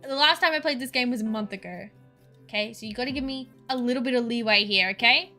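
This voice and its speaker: A woman hosting a game playthrough, loud and playful, joking and swearing at the characters. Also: on the high side, fast talker, faint music behind. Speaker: gaming host. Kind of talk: let's play commentary.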